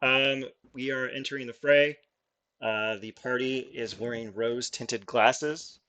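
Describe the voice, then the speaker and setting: A man narrating as game master of a tabletop game, often laughing and filling pauses with um. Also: medium pitch, steady tone, sharp tone. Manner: laughs often, many ums.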